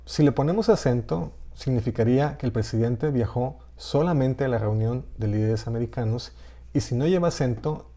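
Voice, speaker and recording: A man with a mellow, darker voice gives a pre-recorded grammar lesson. He explains each rule patiently and reads example sentences aloud, at a middle pitch. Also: normal speed. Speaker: writing workshop instructor.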